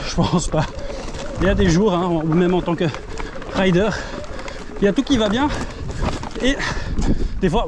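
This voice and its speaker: A man chatting to camera while riding outdoors, grumbling and swearing in exasperation as he comments on his ride. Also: high-pitched. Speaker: mountain biker vlogger. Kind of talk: self-filmed ride commentary, casual chat. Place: outdoors on a trail, riding a bike. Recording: noisy outdoor ride recording.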